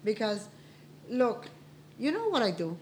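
A woman in her sixties from Cuba, a podcast guest who talks in an animated, boastful way and keeps protesting. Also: a little high, a little slow, slight background noise. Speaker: guest, host's mother. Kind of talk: casual podcast chat.

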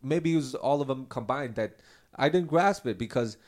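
A man's voice: mid-range voice, lively intonation, moderate pace, darkish tone. A man in his thirties talking candidly in a casual personal monologue, rambling and restarting his sentences, with light laughs at his own remarks. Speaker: host.

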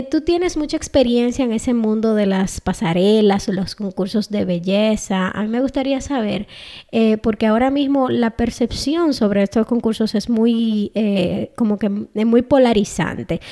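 Woman, podcast co-host, playful, warm mellow tone. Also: fairly high pitch. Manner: playful, chatty. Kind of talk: casual chat.

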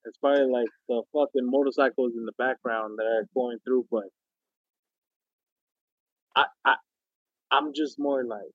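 A man's voice: mid-range voice, fairly even intonation, moderate pace, pauses often, no echo. A man co-hosting a casual podcast chat, rambling with stammering restarts and frequent chuckles, his voice sounding muffled as if heard through a wall. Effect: muffled, dull sound, as if heard through a wall. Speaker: podcast co-host. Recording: muffled, dull, dry sound.

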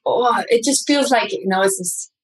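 A woman, a neuroscientist guest on an interview, talking in an animated, chatty way. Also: fairly high pitch, moderate pace, breathy edge, low-quality recording. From New Zealand. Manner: animated, chatty, many fillers and restarts. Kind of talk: conversational interview.

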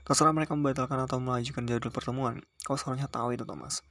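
A man's voice: medium pitch, steady tone, racing, fairly bright tone, lightly acted. A man voicing a male political fixer who is irritated and reproachful on a phone call, in an audiobook reading. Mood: exasperated. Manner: reproachful, complaining.

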